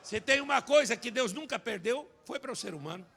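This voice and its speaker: A Brazilian man preaches in a church, his voice pitched high with a gravelly edge. He tells his story with lively, forceful delivery, acting out the scenes and breaking into shouts. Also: brisk, soft background music. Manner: animated storyteller, acts out quotes, shouts at climaxes. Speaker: pastor and singer. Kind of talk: sermon with personal testimony. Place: church service.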